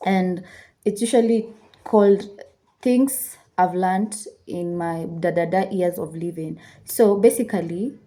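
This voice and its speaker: A woman in her 20s, a lifestyle YouTuber, chats casually with her viewers at home while doing her makeup in a get-ready-with-me video. Her voice is lowish and mellow, her pace measured, and she slips Swahili phrases into her English.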